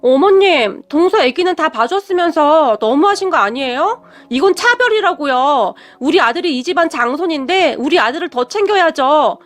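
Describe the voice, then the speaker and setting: A woman's voice: sits high, expressive, moderate pace, hardly any pauses. A woman voicing a defiant daughter-in-law who talks back shrilly in a radio story. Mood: tearful.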